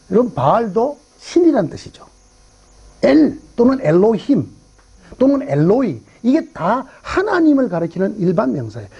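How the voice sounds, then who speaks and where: Lively-voiced pastor preaching. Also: mid-range voice, breathy edge, muffled recording. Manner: storytelling with rhetorical questions to the congregation. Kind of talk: sermon. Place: church revival meeting.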